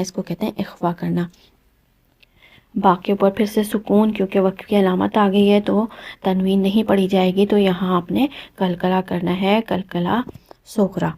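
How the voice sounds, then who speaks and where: Flat, gravelly-voiced woman teaching recitation. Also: medium pitch. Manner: patient, methodical explaining, repeats each rule. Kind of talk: step-by-step tajweed lesson.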